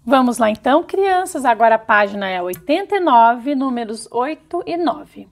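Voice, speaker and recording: A woman teaching young children in a recorded video lesson, sounding out words slowly syllable by syllable. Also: on the high side, expressive. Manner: slow, careful syllable-by-syllable dictation. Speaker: primary school teacher.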